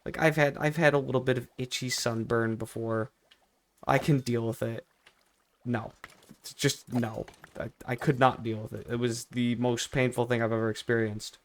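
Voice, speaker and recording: A man's voice: medium pitch, steady tone, moderate pace. A young man telling a personal story in a casual vlog style, rambling and repeating himself with emphatic, exaggerated complaint. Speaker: video creator.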